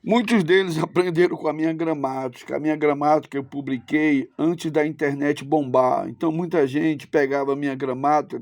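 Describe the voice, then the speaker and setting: Gravelly-voiced man teaching Greek. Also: fairly high pitch, darkish tone, no room sound, studio quality. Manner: opinionated, sarcastic asides, repeats words for emphasis. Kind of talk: recorded online lesson.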